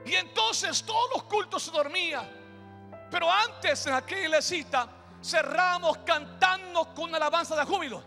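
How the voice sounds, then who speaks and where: A male pastor telling a story during a sermon, preaching with shouted bursts and acted sound effects. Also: very high voice, normal speed, creaky. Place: church. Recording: echoey church hall with music.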